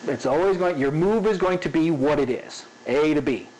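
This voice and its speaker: A man's voice: fairly high pitch, moderate pace, a little mellow, low-quality recording. A man giving a casual animation lesson, talking conversationally, often checking in with "okay?" and playing with pace to show his point. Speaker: animation instructor.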